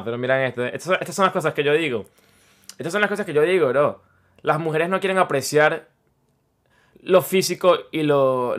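A man's voice: fairly high pitch, a bit bright. A young man streaming, chatting casually in a rambling way, playfully boastful and mock self-pitying.

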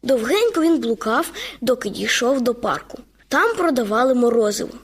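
Woman storyteller, high-pitched, lively children's radio reading. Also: moderate pace, slightly rough. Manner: lively, expressive. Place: radio studio.

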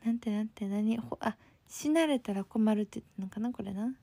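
A woman's voice: on the high side, fairly quick, mellow, dry recording. Bubbly Kansai woman live-streamer. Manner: bubbly, thanks viewers often. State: sleepy. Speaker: livestream host. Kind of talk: casual live-stream chat reading comments.

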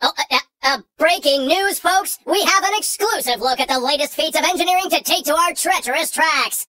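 A man voicing a polished, pompous cartoon rooster race-show anchor with crisp, mock-formal announcer delivery. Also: very high voice, brisk, bright, forceful tone, no room sound. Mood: brisk. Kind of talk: cartoon sports commentary parody.

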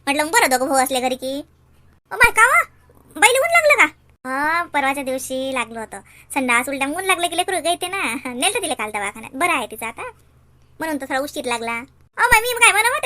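A woman's voice: sits high, animated, fast talker, pushed and bright. Chatty woman. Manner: chatty, fussing village banter. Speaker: comedy sketch actor. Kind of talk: village comedy sketch.

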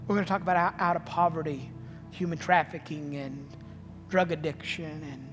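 A male pastor preaching a sermon, telling a story and building to fervent repeated refrains, in an empty church sanctuary. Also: a little high. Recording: long hall reverb with music behind. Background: music.

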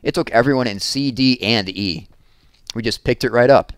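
A man reading aloud, voicing an awkward, excitable teenage boy. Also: mid-range voice, moderate pace, clean tone, no room sound, studio quality, voice pushed up, lightly acted. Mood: eager.

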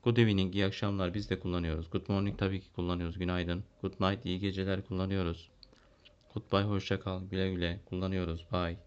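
Low-voiced man teaching English basics. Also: little pitch movement, fast talker, smooth. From Turkey. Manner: explains and translates, thinks aloud with fillers. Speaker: primary school English teacher. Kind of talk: classroom lesson walkthrough. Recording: dull lo-fi recording.

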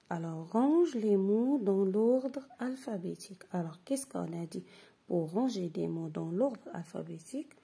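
A woman teacher going through a grammar exercise step by step, reading example sentences slowly and repeating them, then dropping to a breathy half-whisper to explain. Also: lowish voice, dark tone. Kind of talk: slow step-by-step grammar lesson.

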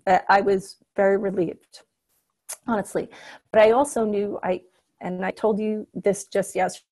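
A woman's voice: mid-range voice, flat delivery, normal speed, darkish tone. Middle-aged woman, interview guest on a video call, earnest and hesitant, lots of restarts. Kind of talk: personal storytelling over a call.

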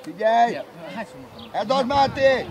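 A man coaching a youth football team from the sideline, shouting loud, urgent and encouraging instructions to the players. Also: very high voice, animated. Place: outdoor football pitch. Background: crowd and outdoor noise.

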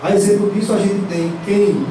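A man's voice: high voice, moderate pace. A young man addressing a city council chamber on a handheld mic, hesitant and repeating words, often checking "right?" with the room. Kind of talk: council floor speech. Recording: echoey chamber from a far camera, noisy.

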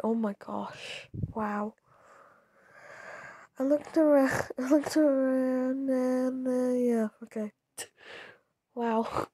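Young woman, slightly hoarse and mellow, reading a story aloud and reacting chattily between lines. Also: fairly high pitch, dry recording. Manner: chatty, giggly, stumbling restarts. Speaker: YouTuber reading stories.

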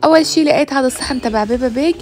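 A woman's voice: high voice, racing, a little mellow. A woman, chatting playfully in a family vlog and cooing baby talk at her son. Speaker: mother and family vlogger. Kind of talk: casual family vlog chat.

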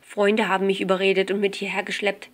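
A woman's voice: mid-range voice, monotone, quick pace, lightly acted. A woman reading the lines of a shy but eager young woman who loves crime stories.

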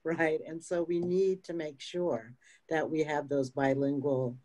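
On a panel held over video call, the older union representative makes her points emphatically, often ending them with "right?". Here her voice sits low and mellow, steady in tone and measured in pace.

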